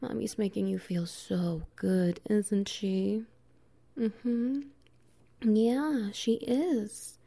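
A woman performing an intimate audio roleplay, talking softly and teasingly, slipping into whispers and low laughs. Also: steady tone, extremely slow, creaky.

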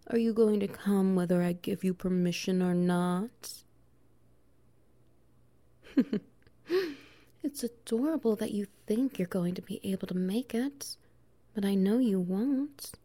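Slow, mellow-voiced woman, soft and teasing. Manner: soft teasing, often whispering, with low laughs. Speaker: audio roleplay performer. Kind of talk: intimate audio roleplay.

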